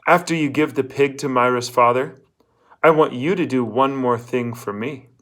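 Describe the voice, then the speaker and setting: Speaking at a normal speed in a medium-pitched, slightly bright voice close to his everyday one, a man performs a storybook's old fortune-teller. The character is blunt and domineering, emphatically handing out orders and contempt while asking rhetorical questions.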